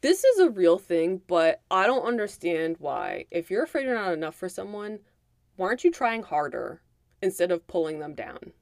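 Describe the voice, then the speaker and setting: Woman podcaster ranting thru a movie recap, kinda low voice, dry close sound, swears a lot. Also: moderate pace, creaky, dry recording. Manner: animated, profane, emphatic storytelling. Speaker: podcast co-host. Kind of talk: casual movie recap chat.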